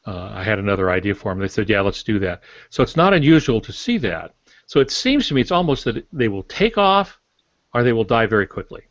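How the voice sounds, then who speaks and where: On a casual podcast about writing, an older man who is a novelist speaks in a fairly low voice with big pitch swings. He tells his stories haltingly and matter-of-factly, and the sound is dry, rather dull and lo-fi, without room sound.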